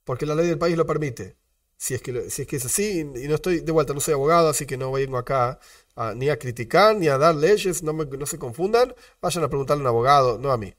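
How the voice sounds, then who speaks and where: A man with an Argentine Spanish accent, teaching a religious lesson as a rabbi, animated, asking rhetorical questions and repeating his disclaimers. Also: a little high, fast, no room sound, studio quality, far from the mic.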